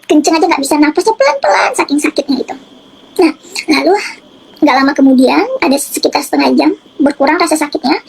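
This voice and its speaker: High-voiced woman giving an earnest testimony. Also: vocal fry, poor audio. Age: adult. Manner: earnest, halting with fillers and restarts. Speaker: testimony giver. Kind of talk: personal faith testimony.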